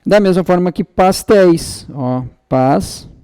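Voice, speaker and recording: Man teaching with a bright edge. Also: on the high side, moderate pace, clear, resonant tone, no room sound, clean studio sound. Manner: explains step by step, checks in with frequent tag questions; acts out student questions and answers them. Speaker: exam-prep Portuguese teacher. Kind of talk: online lesson.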